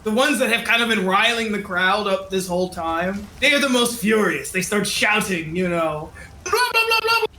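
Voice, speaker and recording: Bright-voiced man game master. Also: high-pitched, moderate pace, hardly any pauses, slight background noise. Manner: animated storytelling. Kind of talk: narrating a tabletop game. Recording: echoey room.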